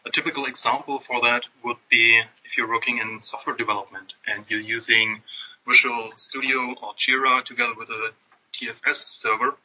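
A man from Germany with a German accent, a guest consultant explaining things in a measured podcast interview. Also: medium pitch, steady tone, sharp tone, highs cut off.

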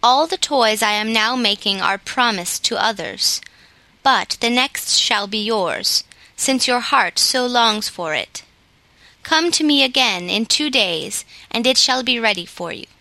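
A woman voicing a kindly grown man, a toymaker who speaks gently and thoughtfully in a storybook. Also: fairly high pitch, expressive, a little slow, dry recording, exaggerated voice. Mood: gentle.

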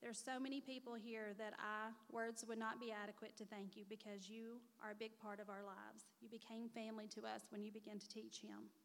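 Mom reading a heartfelt speech for her son, kinda high voice, big echoey hall. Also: flat delivery, brisk, few pauses. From Missouri. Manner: earnest, heartfelt, reading from notes. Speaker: mother of the honoree. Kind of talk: prepared tribute speech. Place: church gathering hall. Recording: reverberant hall.

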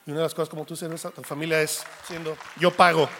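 A man delivers a sermon as pastor, his voice sitting fairly high. He jokes and acts out little quotes in an animated way. The sound carries a long reverb, like a large church hall. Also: racing, some chatter behind, a little hiss or hum. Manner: jokey, animated preaching with acted-out quotes.

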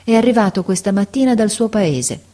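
Woman voicing a gentle nun, soft-spoken, calm, storybook reading. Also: mid-range voice, a little fast, voice pushed up, natural voice. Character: gentle nun nursing in a hospital ward.

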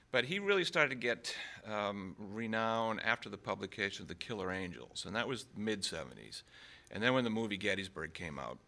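A man from Maine, an author being interviewed, talking in a relaxed and hesitant way with many fillers and restarts. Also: on the low side, vocal fry. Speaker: author, guest. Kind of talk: conversational interview.

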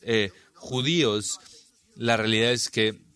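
A man's voice: medium pitch, steady tone, slow pace, a bit bright, smooth, dry recording. A man teaching a Bible class, explaining passages and reading scripture aloud with frequent restarts.

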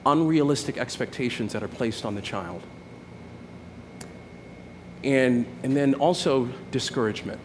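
A man's voice: mid-range voice, measured pace, long pauses, slight background noise. A man in his forties preaching a sermon in a conversational way, often checking in with "right?" and restarting his phrases. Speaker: pastor.

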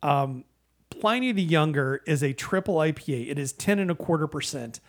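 A man who co-hosts a podcast, giving a casual, rambling and halting review in a conversational style. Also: a little high, lively intonation. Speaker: podcast co-host, beer reviewer. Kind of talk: casual beer review chat.

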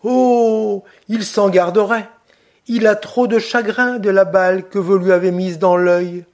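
A boisterous, mocking bandit from an audiobook, as a man reads him. He speaks high and slow, jovial even about grim things. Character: gruff cheerful Corsican bandit man.

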